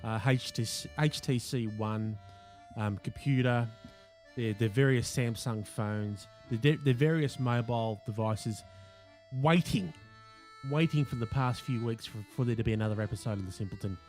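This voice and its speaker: A man's voice: medium pitch, moderate pace, a little mellow, faint music behind. Australian man hosting with dry mock-seriousness. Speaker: podcast host. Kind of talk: casual comedic chat. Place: home, remote call.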